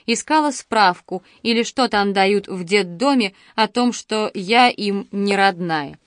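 A woman narrating a first-person novel in a steady, expressive storytelling manner on a close studio microphone. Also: mid-range voice, unhurried, no echo. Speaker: audiobook narrator.

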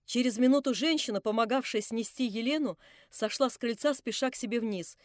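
A woman narrating a classic novel in an audiobook, measured and dramatic. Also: fairly high pitch, no room sound. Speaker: audiobook reader.

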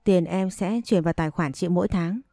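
A woman's voice: lowish voice, a little fast, gravelly, dark tone, no echo, clean studio sound, faint music behind. A woman reading a guarded, resigned young woman. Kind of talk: audio story reading.

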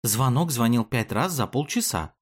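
A cautious young girl in a storybook reading, speaking in a hushed, careful way, voiced by a man. The voice stays close to the reader's own. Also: mid-range voice, expressive, normal speed, slightly rough. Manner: whispering, cautious.

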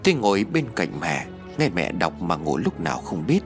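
A man narrating a first-person ghost story as an audiobook reader, in an expressive, dramatic way. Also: sits low, moderate pace, over music.

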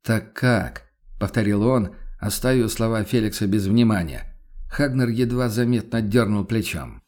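A man narrating an audiobook in a measured storytelling manner. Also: on the low side, lively intonation, darkish tone. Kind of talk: scripted narration.

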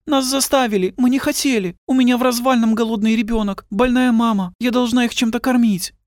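Мужчина-чтец озвучивает испуганную худую молодую деревенскую женщину, которая, заикаясь, умоляет. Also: male voice, extremely high pitch, fairly even intonation, a little fast, dry recording, clean studio sound, voice pushed up. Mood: pleading. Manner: tearful, stammering plea. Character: frightened thin young village woman, stammering, pleading.

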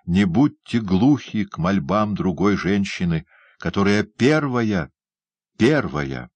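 A young fallen woman, torn and imploring, speaks with passion in a storybook reading, voiced by a man. The voice sits very low and deep, close and dry with no room around it. She begs and insists with heavy feeling. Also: big pitch swings, takes it slowly, a little mellow, breathy edge, no room sound, full character voice. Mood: pleading. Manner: emotional, imploring. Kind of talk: audiobook character reading.

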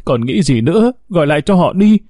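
A man's voice: on the high side, animated, brisk, mellow, no echo, studio quality, pitched above the performer's own voice. A man voicing a desperate young mother who stammers, pleads and accuses, raised well above his own voice. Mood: furious.

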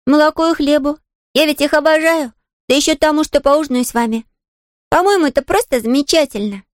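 A sunny, talkative little orphan girl, as a woman reader puts her on in an audiobook, eager and reassuring. The voice sits high and bright above the narration. The sound is dry and close. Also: dry recording, close to an everyday voice. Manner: eager, bubbly, quick to reassure. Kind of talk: audiobook character reading.

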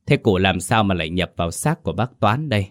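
A man doing a calm exorcist master. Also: sits low, no room sound, clean studio sound. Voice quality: calm and measured, with small hesitations. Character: calm, authoritative middle-aged male exorcist master.

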